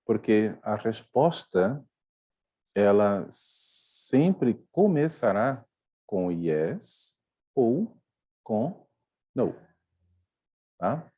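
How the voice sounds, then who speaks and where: A man's voice: lowish voice, very animated, very slow, pauses often, mellow. A Brazilian man teaching English grammar online in a Brazilian Portuguese accent, explaining step by step and often checking in with his students.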